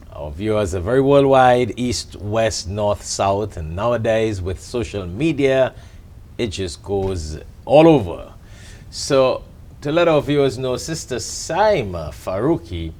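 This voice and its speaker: Older male talk show host, lively pitch. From Trinidad. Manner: welcoming, formal show-host delivery.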